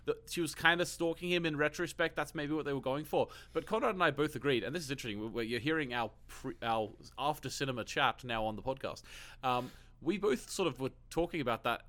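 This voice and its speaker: A man co-hosting a casual movie podcast in a mid-pitched voice. He talks eagerly, circling back and repeating himself, and laughs easily. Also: fast talker, pushed and bright. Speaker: podcast co-host.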